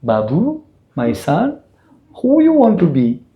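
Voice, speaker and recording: Lecturing sincerely to a temple gathering, this spiritual teacher, a Russian man in his sixties, speaks accented English slowly, his high voice swooping wildly in pitch. The audio sounds narrow and tinny.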